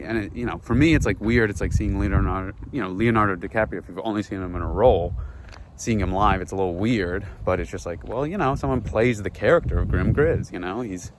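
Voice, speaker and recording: A man vlogging outdoors while walking through a neighborhood, rambling dryly with lots of fillers in a deadpan satirical way. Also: deep voice, slight background noise. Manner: rambling, many fillers, dry.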